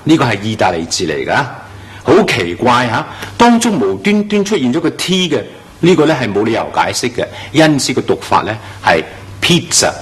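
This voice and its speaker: Here a man coaches English pronunciation as if in a classroom. He sounds emphatic, his pitch moves a lot, and he lingers slowly over each model word.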